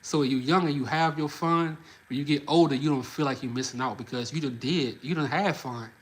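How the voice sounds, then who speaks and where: Hosting a livestream, this mid-thirties Louisiana man reacts to comments with loose, energetic chatter, calls his listeners "bro" constantly, and laughs between thoughts. His voice sits a little higher than most men's and moves briskly, and the recording is rough.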